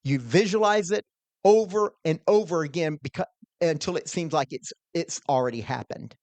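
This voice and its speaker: An elderly preacher with a booming, high, pulpit-style delivery that urges and exhorts, as a man puts him on. The sound is close and dry, with no room around it. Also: normal speed, a little mellow, no echo, close to an everyday voice. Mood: urgent coaching. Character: very old male preacher, encouraging.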